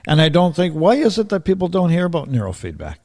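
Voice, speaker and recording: A man hosting a relaxed podcast interview, talking easily with plenty of fillers, restarts and the odd casual swear. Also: a little high, fast talker. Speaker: podcast host.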